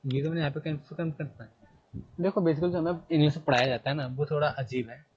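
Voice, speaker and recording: A male English grammar teacher in a classroom, repeating his points and firing quick questions at his students. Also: on the high side, steady tone, darkish tone, husky, muffled recording.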